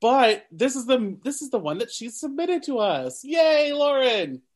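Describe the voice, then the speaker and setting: A man's voice: very high voice, big pitch swings, a little slow. A man hosting a casual podcast chat, reading film facts and laughing off his slips over names. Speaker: podcast host.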